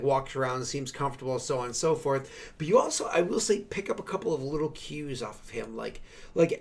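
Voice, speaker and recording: A man's voice: fairly high pitch, darkish tone. A man working as game master, improvising tabletop game narration in a chatty, rambling way with conversational asides.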